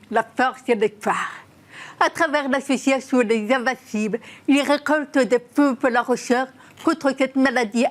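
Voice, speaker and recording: A woman presenting as host and putting prepared questions to her guests. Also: high voice. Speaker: interviewer and host. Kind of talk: scripted introduction and interview questions.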